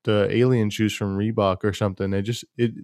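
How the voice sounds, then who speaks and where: A young man hosting a casual sneaker podcast, talking in a rambling, laid-back way with a fairly monotone voice. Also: on the low side, fairly quick, no echo, studio quality. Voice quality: self-described monotone voice. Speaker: podcast host.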